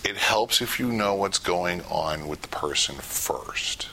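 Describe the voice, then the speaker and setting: A man teaching a casual spoken class, chatty and quick to laugh, acting out little scenes as he explains. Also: low-pitched, animated, pushed and bright, a little hiss or hum. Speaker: class instructor.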